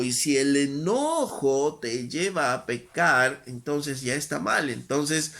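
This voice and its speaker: A man's voice: on the high side, fairly bright tone. A man preaching a sermon in an earnest teaching tone. He often checks in with rhetorical tag questions and repeats phrases for emphasis.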